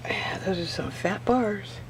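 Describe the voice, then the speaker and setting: A woman's voice: medium pitch, a little slow, background noise. A woman chatting casually as she narrates her own craft video, musing to herself in short, offhand phrases. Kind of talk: casual craft vlog chat, thinking aloud.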